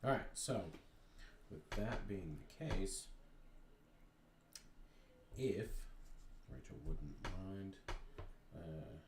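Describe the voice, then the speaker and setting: A man's voice: deep voice, extremely slow, pauses often. A man hosting a crafting stream, chatting casually and thinking aloud while he demonstrates resin pouring. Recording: echoey room with steady noise.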